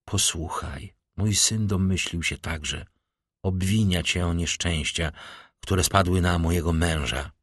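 A man voicing a grieving middle-aged noblewoman who pleads with hushed desperation for her son. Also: deep voice, unhurried, dry recording, clean studio sound, full character voice. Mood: pleading.

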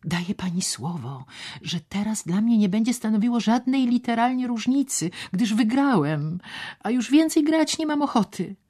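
A woman voicing a smooth, persuasive male gambler in an audiobook, speaking in hushed tones that often drop to a whisper. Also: sits high, sing-song, moderate pace, voice pushed up. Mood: boastful. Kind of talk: audiobook character reading.

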